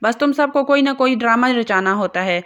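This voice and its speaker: A woman's voice: on the high side, fairly bright tone, smooth, natural voice. Bored, annoyed young man, dismissive, read by a woman narrator. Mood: irritated. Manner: tired, irritated. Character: weary irritated young man, dismissive son.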